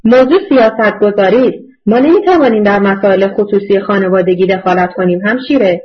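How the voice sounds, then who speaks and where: A woman's voice: medium pitch, lightly acted. A self-important male police officer talks down in a solemn, dignified tone, as a woman reader puts him on. The recording sounds muffled and lo-fi. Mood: condescending. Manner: dignified, condescending. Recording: dull lo-fi recording.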